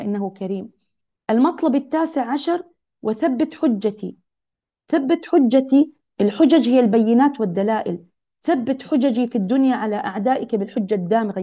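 A woman's voice: on the high side, dark tone. A woman teaching a religious lesson to other women, earnest and exhorting, repeating key phrases. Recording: dull lo-fi recording.

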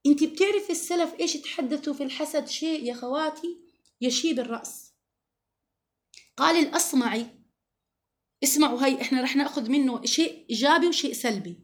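Fast-talking high-voiced woman teaching religion. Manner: earnest, emphatic, quotes scripture often. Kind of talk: religious lesson to women.

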